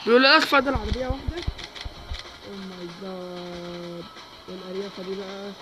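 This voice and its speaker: A man with an Egyptian Arabic accent giving excitable live gameplay commentary, repeating words in quick bursts. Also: high voice, a little hiss or hum, poor audio. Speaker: gaming YouTuber.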